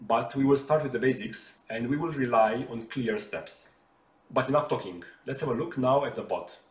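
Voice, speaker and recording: A man in a bright living room with a sofa explains things to children, using hand gestures and simple, patient words. He's an RPA developer, and this is a friendly explainer for kids. His mid-range voice is recorded from a distance, off-mic, with a roomy echo.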